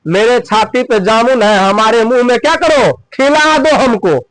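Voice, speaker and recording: A man's voice: very high voice, measured pace, fairly bright tone, no echo, low-quality recording. A man doing a lazy drawling villager, Mangru. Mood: lazy pleading. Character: lazy young man lying under a tree.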